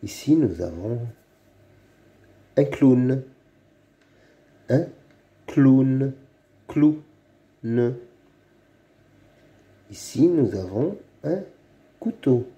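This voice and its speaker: Slow, mellow man teaching phonics. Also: medium pitch, very animated, lo-fi sound. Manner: slow, drawn-out, repeats each word. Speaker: reading teacher. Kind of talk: slow phonics lesson for young children.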